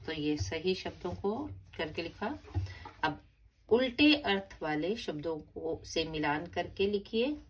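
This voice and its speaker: Her low, slightly rough voice is animated yet slow as she teaches grammar to young children. The primary school teacher patiently spells each word out syllable by syllable, repeating and stressing it.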